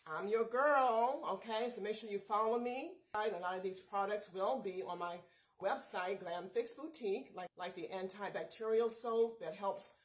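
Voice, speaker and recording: A woman beauty vlogger walks through a skincare routine in a relaxed, chatty way. She keeps speaking straight to her viewers with easy encouragement. Her voice sits at an ordinary middle pitch. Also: moderate pace, rough recording. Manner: chatty, often addresses viewers as you guys; upbeat, encouraging pep talk. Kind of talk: casual skincare tutorial.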